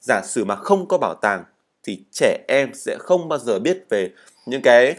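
A man's voice: medium pitch, sing-song, unhurried. A man teaching an English speaking lesson, explaining in Vietnamese, reading model answers and having students repeat words after him. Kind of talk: spoken language lesson.

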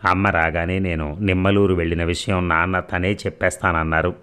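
A man reading a novel aloud in a steady, measured storytelling manner. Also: sits low, clean tone. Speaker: story reader.

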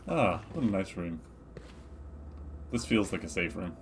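Teasing man with a low voice, noisy mic. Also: very animated, measured pace. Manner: teasing, laughs often, advising. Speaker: co-player commentating. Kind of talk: casual gameplay chat.

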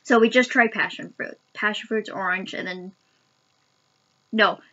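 A woman's voice: mid-range voice, measured pace, a bit bright, highs cut off. A young adult woman chatting casually to camera as a vlogger while eating sour candy, recorded on a webcam in a home room. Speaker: vlogger doing a candy taste challenge. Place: small home room, indoors. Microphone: webcam at arm's length.

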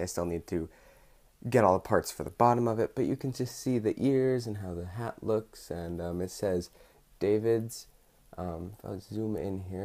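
A man's voice: on the low side, darkish tone. A young man chatting upbeat in a casual vlog from a small bedroom, with lots of ums. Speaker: vlogger.

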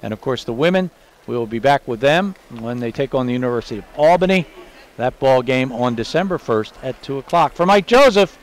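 A man hosting a postgame basketball broadcast, reading off final numbers in a brisk stat-reading delivery. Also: medium pitch, expressive. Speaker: play-by-play broadcaster. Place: basketball arena broadcast booth.

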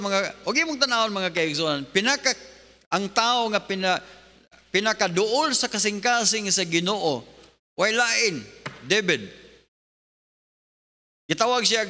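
A male pastor preaching an animated sermon, mixing in English. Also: high voice. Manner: animated preaching, switching between Bisaya and English. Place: church hall. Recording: long hall reverb.

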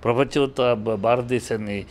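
A man's voice: mid-range voice, steady tone, normal speed, a little mellow, slight background noise. A man giving heated spoken commentary in an interview, scolding and indignant, firing off rhetorical questions and often restarting his sentences.

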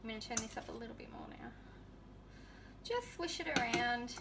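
A woman's voice: on the high side, wildly swooping pitch, normal speed, distant mic, very noisy. A woman in her thirties chatting casually to viewers as she cooks in her home kitchen. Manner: chatty, easygoing, talks to viewers while cooking. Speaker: home cooking vlogger. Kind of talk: casual cooking demonstration.

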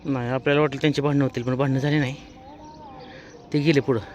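Here a man with a mid-range voice and level tone talks fast, giving casual vlog commentary as he walks his dog outdoors on a road. He chats to the camera and yells at the dogs around him to shoo them off, over faint outdoor noise.

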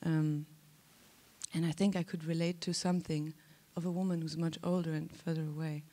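A woman's voice: sits low, flat delivery, normal speed, dark tone. A woman actress speaking candidly and playfully on a theater stage into a handheld mic, often restarting her sentences. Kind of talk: festival panel talk.

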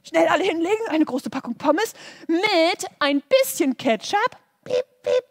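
A woman's voice: very high-pitched, lively intonation, measured pace, no room sound, studio quality. Playful, sing-song woman telling a kids' story. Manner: playful, full of sound effects. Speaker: children's church presenter. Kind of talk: animated children's story with movements.

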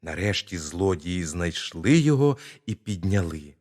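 Slow, lively-voiced male storyteller. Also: low voice. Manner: slow, expressive bedtime storytelling. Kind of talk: scripted fairy-tale narration.

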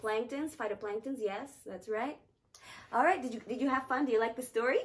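A woman hosting a children's storytime, reading aloud and quizzing kids in a warm, teacherly tone. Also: a little high, a little fast. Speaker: storytime host.

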